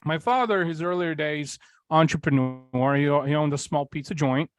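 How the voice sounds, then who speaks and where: A fairly high-pitched man speaking at a moderate pace, originally from Bulgaria and in his forties, shares his story as a podcast guest. The casual interview finds him rambling and candid, with many fillers and occasional swearing.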